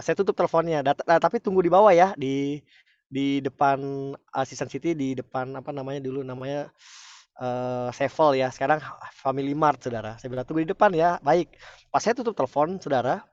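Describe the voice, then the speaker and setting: A man preacher telling a testimony to an online congregation, animated and often calling out to his listeners. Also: medium pitch, normal speed, pauses often, no echo, lo-fi sound. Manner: animated, frequent "saudara" addresses, rising excitement. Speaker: preacher leading an online fellowship.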